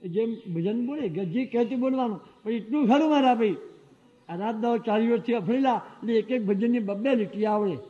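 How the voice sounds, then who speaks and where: A man telling a devotional story to a gathering, animated and acting out the exchanges he describes. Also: extremely high pitch. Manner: animated, acts out quoted exchanges. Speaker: devotional speaker. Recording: dull lo-fi sound with long hall reverb.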